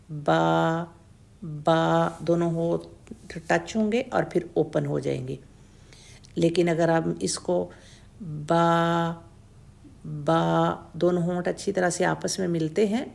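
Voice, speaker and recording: A woman teaching tajweed pronunciation, slowly and patiently demonstrating each letter sound over and over and checking that the learner follows. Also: on the low side, gravelly, a little mellow. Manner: mixes English words into Urdu, checks in with "theek hai?". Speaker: Quran recitation teacher.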